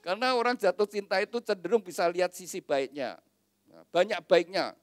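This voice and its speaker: Pastor preaching at a wedding. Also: male voice, sits high, lively intonation, fairly quick, no room sound, clean studio sound. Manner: warm joking asides to the couple and congregation. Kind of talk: wedding sermon.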